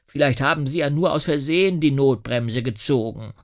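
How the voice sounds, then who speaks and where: A man voicing a self-important, bumbling police inspector who speaks slowly and gets flustered. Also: medium pitch, close to an everyday voice. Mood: soothing. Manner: slow, pompous, flustered.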